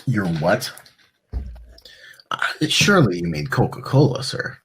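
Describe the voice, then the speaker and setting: A man's voice: on the low side, sing-song, unhurried, fairly bright tone, husky. A young man co-hosting a podcast in casual chat, rambling, joking and laughing often. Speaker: podcast co-host.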